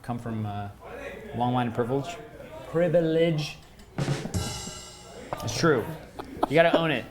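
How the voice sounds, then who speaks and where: A man's voice: medium pitch, animated, fairly quick, pauses often, music in the background. A man co-hosting a late night panel chat, boastful and playfully argumentative, laughing often. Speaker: co-host of a late night show.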